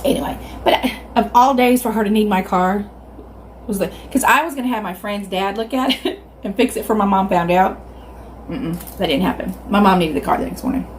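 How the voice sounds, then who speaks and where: A middle-aged woman with a Southern US accent tells stories casually while chewing her food. She is animated and acts out reactions, speaking at a medium pitch. There is clear noise in the background. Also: a little fast. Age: 50s. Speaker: mukbang video host. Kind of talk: casual storytelling to viewers.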